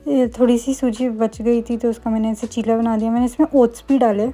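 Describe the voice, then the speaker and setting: A young woman, a medical student, chatting fast in a casual vlog with playful, self-mocking asides. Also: on the high side, steady tone, dark tone. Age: young adult. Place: student hostel room.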